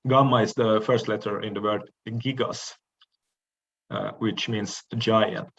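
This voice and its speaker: A man giving a recorded lecture, explaining each letter in a measured way with frequent pauses and the odd throat clearing. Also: fairly low pitch, fairly even intonation, fairly bright tone, dull audio, a little hiss or hum.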